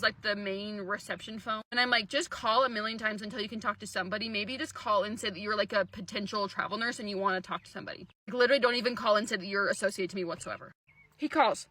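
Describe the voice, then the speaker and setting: A woman's voice: a little high, no room sound. A young woman, a travel nurse, telling her story in an exasperated, sarcastic, casual vlog. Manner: exasperated, sarcastic, animated retelling.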